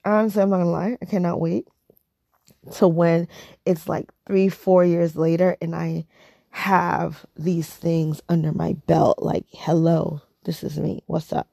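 A woman's voice: lowish voice, flat delivery, measured pace, vocal fry, dark tone, no room sound, clean studio sound. A woman in her thirties chatting casually to camera, rambling and repeating herself, tired and yawning. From United States. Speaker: vlogger.

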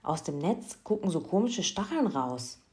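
A woman's voice: on the low side, very animated, normal speed, a little mellow. A woman voicing a worried young girl in a storybook reading, plaintive in tone.

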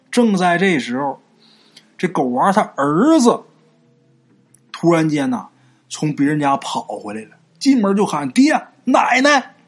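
A man tells a ghost story, his voice slightly husky and sitting a little high for a man. He talks in a chatty, conversational way, drawing out particles and answering his own rhetorical questions. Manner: frequent drawn-out particles like 啊 and 呀. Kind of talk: serialized ghost story narration.

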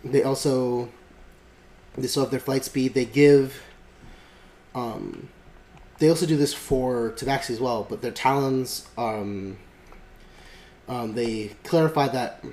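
Slightly slow and given to long pauses, this man's mid-range voice has a darkish tone. As a podcast host, he rambles through a casual tabletop-game chat, stumbling over fillers and restarts. Faint noise and echo fill the room.

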